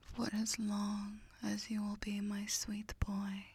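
Woman playing a furry coiled monster hostess, breathy whisper, slow and soothing, flat doting tone. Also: medium pitch, full character voice. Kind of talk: whispered ASMR roleplay.

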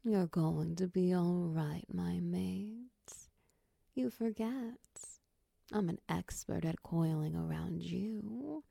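A woman voicing a motherly, possessive snake-tailed woman in a soft, close, whispered ASMR roleplay, coaxing and soothing. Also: fairly low pitch, takes it slowly, no room sound, exaggerated voice. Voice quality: breathy whisper.

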